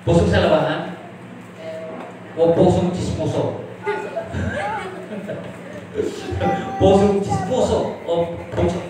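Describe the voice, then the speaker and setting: A male pastor preaches a live sermon, his voice pitched notably high for a man. He keeps asking the congregation rhetorical questions and slips into English for key points. The sound rings around a very reverberant church hall, picked up from a mic well away from him. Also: slight background noise. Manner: switches into English for summary points. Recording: very echoey live church recording from a distant mic.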